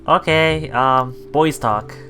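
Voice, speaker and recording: A let's play host reads and translates visual novel dialogue aloud, giving casual, hesitant commentary in a slow, mid-range voice with a bright, forceful tone. Guitar-backed game music plays behind the voice.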